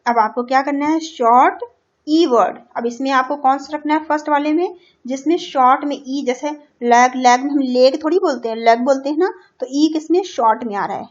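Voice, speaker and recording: A woman teaching a primary school English lesson. She reads the English lines slowly and loudly, explains each word in Hindi and checks in with "theek hai". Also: sits high. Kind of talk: classroom lesson for young children. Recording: dull lo-fi recording.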